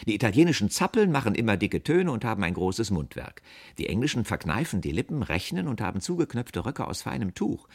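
A man reading a satirical story aloud in a wry, expressive first-person narration. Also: on the low side, a little fast.

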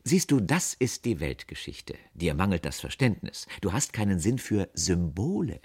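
Man putting on a young woman, mocking, dreamy, lively swoops. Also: moderate pace, husky, full character voice. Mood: teasing. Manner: teasing, lecturing in a lighter, higher voice.

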